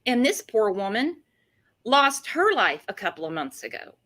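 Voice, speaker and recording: Female true-crime host, sarcastic and chatty, bright forceful voice sitting a bit high. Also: very animated, moderate pace. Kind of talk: casual true-crime commentary chat.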